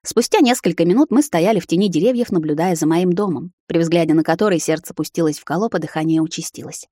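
A woman narrates a novel in the first person, in a soft, even, slightly low voice. It is close and dry, with no room sound. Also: fast, dry recording. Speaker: audiobook reader.

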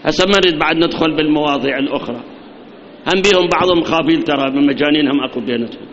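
Iraqi male preacher, high-pitched and sharp, teacherly, rhetorical questions. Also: very fast, long reverb tail, slight background noise. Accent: Iraqi Arabic. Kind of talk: sermon. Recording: dull lo-fi recording.

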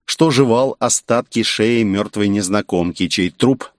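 A man's voice: lowish voice, measured pace, dry recording, studio quality. A man narrating a first-person fantasy audiobook in a wry, conversational way.

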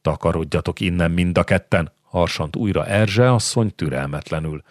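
A man's voice: low voice, dry recording, close to an everyday voice. Man voicing an old furious matron, scolding, raised voice, dry audiobook sound. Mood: threatening. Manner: shouting, scolding. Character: fierce old grandmother, burly furious matron. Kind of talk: audiobook character reading.

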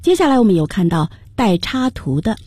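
A woman's voice: medium pitch, big pitch swings, fairly quick, dark tone, breathy edge. A woman co-hosting a radio English lesson, introducing each new word and prompting her partner.

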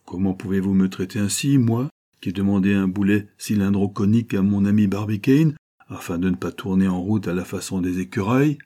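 A fearless, chivalrous adventurer, played by a male narrator who meets every objection with calm irony. His lines sit a little higher than the reader's low, dark, husky voice. It is a storybook reading. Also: a little fast. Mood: confident, gracious. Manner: gracious, ironic, confident. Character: bold gallant male adventurer, ironic and fearless.

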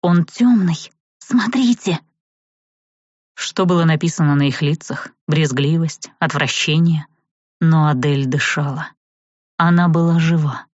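A woman reading an audiobook in an even, steady way, her voice sitting low. The recording is bone dry and a touch dull. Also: moderate pace, no echo. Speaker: audiobook narrator. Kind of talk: scripted narration.

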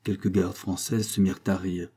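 Man reading an audiobook, husky dark voice. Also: low-pitched, flat delivery, moderate pace. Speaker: audiobook narrator. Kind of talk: scripted narration.

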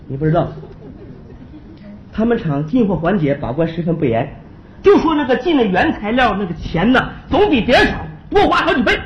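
A man's voice: sits high, slight background noise. A man playing a cocky, teasing rich farmer businessman in a stage comedy sketch. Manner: teasing, quick banter. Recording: echoey stage, slightly dull sound.

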